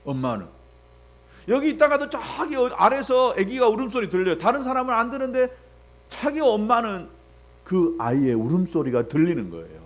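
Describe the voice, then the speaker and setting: A man's voice: high-pitched, normal speed. A male pastor delivering a sermon. He asks the congregation rhetorical questions and acts out little voices along the way. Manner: animated preaching with rhetorical questions, acting out voices.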